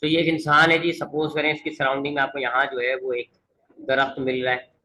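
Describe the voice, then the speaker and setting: Bright-voiced man teaching physics. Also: medium pitch, level tone, a little hiss or hum, poor audio. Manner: mixes English definitions into Urdu-flavored explanation, repeats for emphasis; speaks slowly and deliberately. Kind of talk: online classroom lecture.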